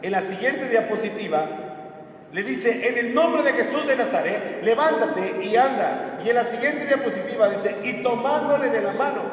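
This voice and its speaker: High-voiced pastor preaching in an echoey hall. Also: male voice, expressive, moderate pace, far from the mic. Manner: conversational preaching, acts out voices in retellings. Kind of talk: sermon. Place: church hall.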